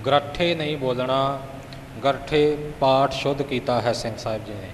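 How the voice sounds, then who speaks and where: A man's voice: mid-range voice, brisk. A man teaching recitation, correcting pronunciation in a matter-of-fact, instructive way. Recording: hall reverb, faint background noise.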